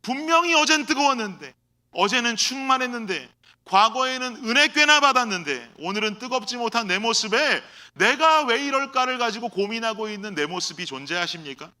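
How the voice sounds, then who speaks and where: A man with a high, very bright voice preaches a sermon in a church. He swings from ringing exhortation down to hushed asides and back again. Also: lively intonation, fairly quick. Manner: dramatic shifts between loud exhortation and hushed, low quoted asides. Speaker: pastor. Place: church sanctuary.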